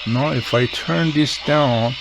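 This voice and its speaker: This radio repair hobbyist, presenting his own how-to video, has a gravelly, medium-pitched voice and takes things slowly. Against a noisy background, he explains the repair informally, one step at a time, hands on as he goes.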